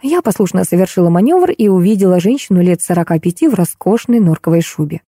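A woman narrating an audiobook in a wry, lively storytelling manner. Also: lowish voice, quick pace, husky, no room sound, clean studio sound.

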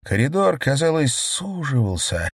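Male narrator, audiobook, steady delivery, dry close recording. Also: medium pitch, slightly rough, dry recording. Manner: measured, even storytelling.

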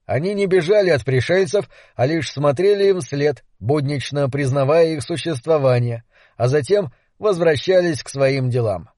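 A man reading an audiobook in measured, even scripted narration. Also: a little high, dry recording, clean studio sound.

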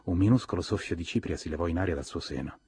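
A man reading a novel aloud in measured, even narration for an audiobook. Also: deep voice, slight background noise. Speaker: audiobook reader. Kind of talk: scripted narration.

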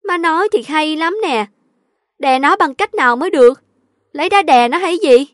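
A woman's voice: high voice, lively intonation, unhurried, no room sound, clean studio sound, voice pushed up. Woman voicing a whiny spoiled daughter. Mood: whining. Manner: whiny, complaining. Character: spoiled, whining young married daughter.

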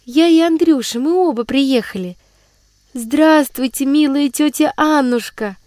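A woman voicing an earnest, shy little orphan girl who pleads gently and eagerly. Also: sits high, a little slow, no echo, studio quality, pitched above the performer's own voice. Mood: pleading.

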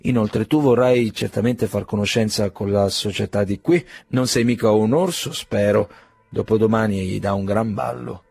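A man's voice: lowish voice, steady tone, moderate pace, vocal fry, darkish tone, breathy edge, no room sound. A man voicing a self-satisfied official in his forties, genial and condescending, in an audiobook reading. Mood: patronizing. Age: 40s. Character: self-satisfied middle-aged male official, patronizing.

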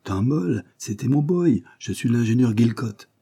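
A man's voice: mid-range voice, animated, unhurried, dark tone, husky, voice pushed up. A man voicing a frightened captive English engineer, pleading in a strained, anxious way.

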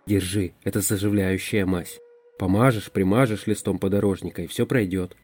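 A man voicing an earnest young villager who speaks softly. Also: sits low, fairly even intonation, moderate pace, no room sound. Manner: soft, hushed.

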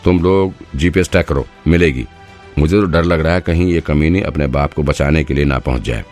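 Picture a hot-tempered police detective barking down the line, his voice very deep and rumbling even as it jumps up in anger, as a man puts him on. He scolds and threatens in short, hard bursts, with soft music far behind him. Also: fairly quick. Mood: angry shouting. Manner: shouting, scolding.

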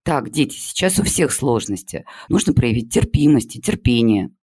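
A man's voice: medium pitch, big pitch swings, moderate pace, a little mellow, slightly rough. A man voicing a strict female schoolteacher who bosses a noisy online class. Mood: stern. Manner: stern, bossy, trying to keep order.

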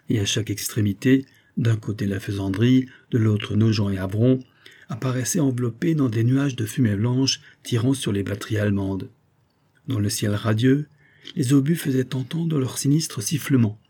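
A man narrating a classic novel aloud, measured, raising his voice for the characters' lines. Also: lowish voice, warm tone, slightly rough. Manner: measured, lifts voice for dialogue. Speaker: audiobook reader.

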